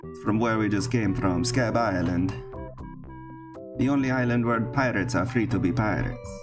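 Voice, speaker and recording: A man's voice: lowish voice, moderate pace, lightly acted. A man reading a laid-back ferry captain. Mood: easygoing. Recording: game music playing behind.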